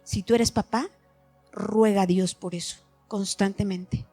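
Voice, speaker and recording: A woman's voice: medium pitch, steady tone, unhurried, warm tone, husky, soft background music. A middle-aged woman giving an earnest, heartfelt personal testimony at a church meeting.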